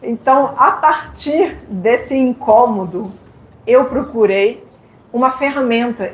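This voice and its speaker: French-accented woman lecturing in an echoey hall. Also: a little high. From France. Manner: direct, playful, questions the audience. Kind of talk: live lecture to an audience. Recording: echoey hall with faint noise.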